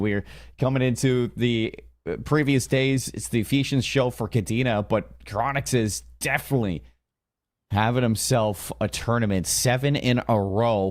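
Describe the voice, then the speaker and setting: A man giving live esports commentary, following the play and analysing team tactics as he goes. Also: fairly low pitch.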